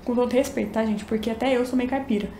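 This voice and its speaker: A woman's voice: on the high side, fairly even intonation, quick pace, mellow. Chatty Minas Gerais woman teaching. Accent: Minas Gerais Brazilian Portuguese. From Minas Gerais, Brazil. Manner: chatty, explains and demonstrates pronunciations. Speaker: English teacher. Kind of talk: casual teaching vlog. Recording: echoey room.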